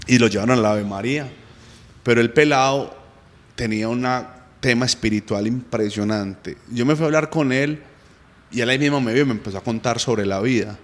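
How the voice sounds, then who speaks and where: A man with a Colombian accent casually telling a faith testimony as a guest, lively and self-mocking with frequent chuckles. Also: medium pitch, brisk, long reverb tail. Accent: Colombian Spanish.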